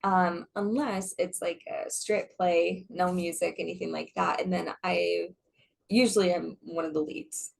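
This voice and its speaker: A young adult actress chatting casually in an interview, rambling with many restarts and frequent laughs. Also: female voice, fairly low pitch, fairly even intonation, a little slow, gravelly. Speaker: guest, stage actress.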